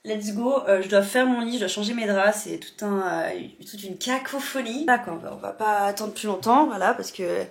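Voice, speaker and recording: A woman's voice: mid-range voice, moderate pace, creaky, hardly any pauses. A woman, chatting casually and informally to camera with a self-mocking touch. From Geneva, Switzerland. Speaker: YouTube vlogger. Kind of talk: casual chat to camera, Q&A vlog. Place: indoors at home. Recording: roomy echo, faint music behind.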